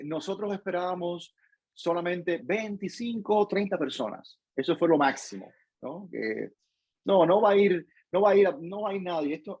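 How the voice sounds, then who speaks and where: A man's voice: fairly high pitch, a little mellow, breathy edge, no room sound, dull audio. A Cuban man answering interview questions in a thoughtful way, with frequent restarts and tag questions. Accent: Cuban Spanish. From Cuba. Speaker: interview guest, professor.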